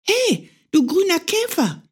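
A woman voicing a small, tousled young hare from a storybook who is curious and playful and talks in a high, wondering, childlike way. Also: sing-song, slow pace, full character voice.

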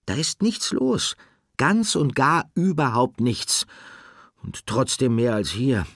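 A man voicing a small, excitable female furry animal with a squeaky, piping voice in an audiobook. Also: slow, vocal fry, no echo, studio quality, full character voice. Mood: plaintive. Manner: excitable and dramatic. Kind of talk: audiobook character voice.

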